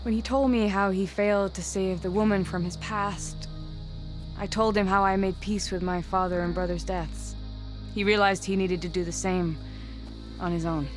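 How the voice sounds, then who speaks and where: Voicing a proud young huntress in a game cutscene, an actress speaks at normal speed in a medium-pitched, lightly acted voice with fairly even intonation. Her delivery is earnest and wistful with spirited bursts, set against the game's musical score.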